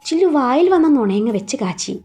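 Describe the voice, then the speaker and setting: A woman narrating a romance story in a steady, even reading voice. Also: sits high, fairly quick, soft background music.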